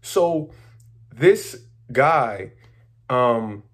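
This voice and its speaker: A man talking casually to his viewers, rambling excitedly through a story with slang, swearing and many restarts. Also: mid-range voice, very slow, husky. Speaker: manifestation coach.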